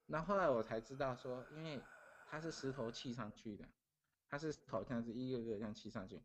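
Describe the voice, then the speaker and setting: Speaking briskly at medium pitch with slight background noise, a middle-aged man from Taiwan recounts events as a podcast guest. His telling is casual and earnest, and he repeats phrases along the way.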